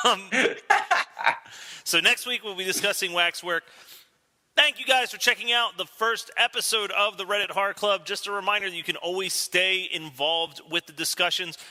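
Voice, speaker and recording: Bright-voiced man with roomy reverb. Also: high-pitched. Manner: laughing, loose sign-off patter. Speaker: podcast host. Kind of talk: casual chat.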